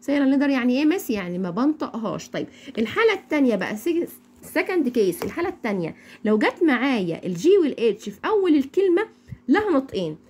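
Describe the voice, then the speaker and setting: A young woman with an Egyptian accent teaching English phonics, repeating each word slowly for learners to echo. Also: high-pitched, very animated, darkish tone, a little hiss or hum. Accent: Egyptian Arabic. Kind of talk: phonics lesson.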